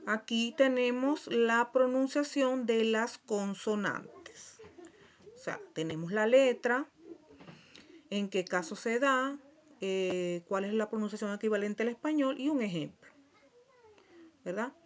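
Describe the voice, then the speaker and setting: Patient female language teacher, unhurried delivery, walks through letters one at a time, keeps checking that students follow. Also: a little high. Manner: patient, checks in with frequent "¿verdad?". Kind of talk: slide-based Portuguese lesson for Spanish speakers.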